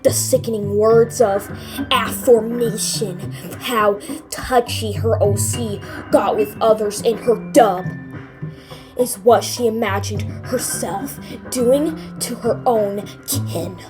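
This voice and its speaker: A woman's voice: a little high, slow pace, music in the background. A woman narrating a scripted first-person horror story in a dramatic storytelling manner. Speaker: creepypasta narrator.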